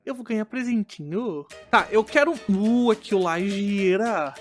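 A woman giving casual, excitable gameplay commentary as a gaming YouTuber, playfully talking back to the characters on screen. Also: mid-range voice, normal speed, faint music behind.

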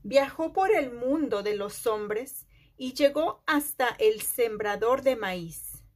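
A woman reading a children's picture book aloud, phrase by phrase with deliberate pauses. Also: fairly high pitch, expressive. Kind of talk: slow read-aloud storytelling for children.

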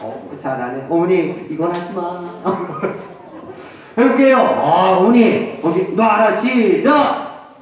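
Guy running a game for old folks, high voice, takes his time, coaxing and joking, far from the mic in a big echoey hall. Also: lively intonation. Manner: brisk, coaxing, teasing, counts off cues. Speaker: senior recreation instructor. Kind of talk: leading a group game.

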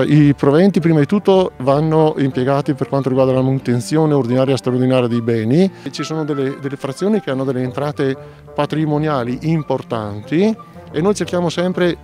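A middle-aged man with a Trentino Italian accent speaks into a handheld mic outdoors by a mountain lake, explaining step by step with small restarts. His voice sits a little high for a man. Faint music plays underneath. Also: brisk, dark tone. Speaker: local commons committee representative. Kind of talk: outdoor interview. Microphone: handheld mic close up.

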